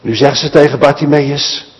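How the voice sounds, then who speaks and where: A man preaching a children's sermon, telling a Bible story in a lively way and speaking directly to the children. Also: a little high, moderate pace, long reverb tail, a little hiss or hum, low-quality recording.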